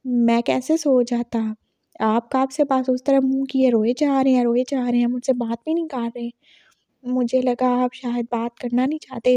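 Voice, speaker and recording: A woman voicing a caring, teasing young man who speaks in a gentle, coaxing way. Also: high voice, no echo.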